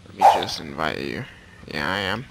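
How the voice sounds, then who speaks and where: Chatty young gamer man, lively. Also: extremely low pitch, moderate pace, creaky, very noisy. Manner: chatty, swearing, reacting to the game. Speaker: gamer host. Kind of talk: casual gaming chat. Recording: loud keyboard and mouse clicks.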